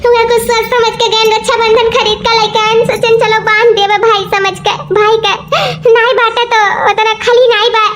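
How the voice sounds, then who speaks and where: A performer voices a tearful young married woman from an Awadhi cartoon comedy who misses her brother, whining and complaining at length in rambling, self-pitying fashion. The voice is extremely high-pitched with little pitch movement, at a normal speed.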